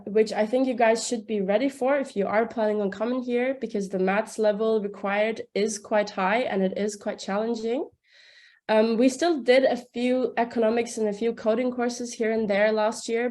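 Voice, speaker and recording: A young Turkish woman in her second year of study chats casually about her coursework, dropping "like" constantly. Her voice sits fairly high and has a slightly mellow quality.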